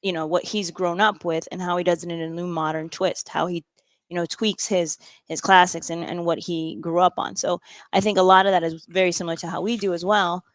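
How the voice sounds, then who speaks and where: A woman's voice: lowish voice, steady tone, brisk, no echo. A woman born in Peru who runs a restaurant, talking in a casual interview, chatty and upbeat with many fillers. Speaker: restaurant owner and chef.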